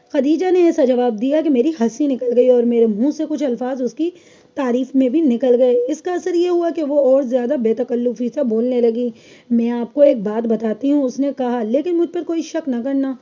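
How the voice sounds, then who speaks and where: A woman's voice: sits high, dark tone, dull audio, natural voice. A woman voicing a defiant young wife who bluntly tells her story in a police statement, read as an audiobook. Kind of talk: audiobook reading.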